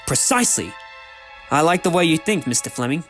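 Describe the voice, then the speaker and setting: A man acts out a jaunty time-travelling adventurer for a fan audio drama. The voice sits a little high and moves around freely, flippant and theatrical, over faint music. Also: big pitch swings, fairly quick, a bit bright. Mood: knowing, intent.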